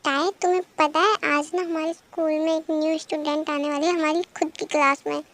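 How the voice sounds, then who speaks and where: A woman's voice: sits high, flat delivery, brisk, a bit bright. A woman voicing a chatty, dutiful teenage girl who is the class monitor and teases her friend. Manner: chatty and teasing.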